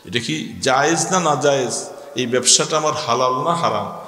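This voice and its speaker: At a religious gathering, a man with a Bangladeshi accent delivers a stern, admonishing Islamic sermon full of rhetorical questions aimed at his listeners. His voice is medium-pitched and sharp, at a moderate pace. It comes through an echoing PA with long reverb.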